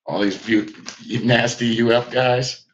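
A man hosts a live card-opening stream in a relaxed, chatty way and talks to his viewers by name as he goes. His voice sits at a middle pitch, and the recording sounds a little dull and lo-fi. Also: measured pace, a little hiss or hum. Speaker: card break host. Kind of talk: casual live-stream card break commentary.

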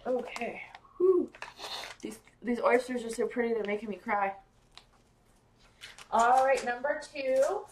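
Woman, live pearl seller, slow and chatty, a bit high. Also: animated, slight background noise, rough recording. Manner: chatty, gushing, talks to viewers by name. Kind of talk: casual live-stream sales chat.

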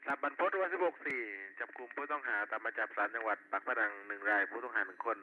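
Speaking quickly and expressively in a mid-range voice, a man serving as a police radio dispatcher reads back reports in clipped roll-call style. The walkie-talkie audio is tinny and narrowband, with faint noise and a two-way radio effect.

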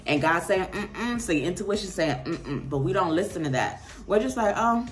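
A young woman, giving an animated, preachy casual talk to the camera as a vlogger. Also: on the low side, a little fast.

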